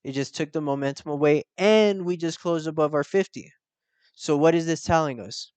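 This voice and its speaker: Laid-back man explaining trades, smooth voice. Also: on the high side, normal speed, a little mellow, no room sound. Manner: casual, explaining step by step with slang and check-ins. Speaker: forex trading channel host. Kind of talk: casual screen-recorded trading tutorial.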